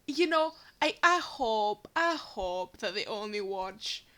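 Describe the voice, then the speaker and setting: A woman's voice: medium pitch, lively intonation, slow, a bit bright. A woman ranting in a fan vlog, exasperated and swearing, with many fillers and a cracking voice. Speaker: fan commentator.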